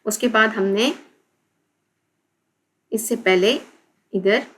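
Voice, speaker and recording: A woman teacher, explaining a textbook lesson in Urdu, reading English slowly and spelling out words letter by letter. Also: fairly high pitch, low-quality recording.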